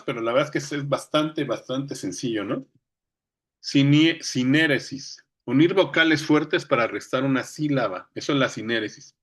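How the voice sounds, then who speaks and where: A man's voice: mid-range voice, fairly bright tone. A man with a Mexican accent giving an informal lecture, talking conversationally and often checking that listeners are following. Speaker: speaker on poetry.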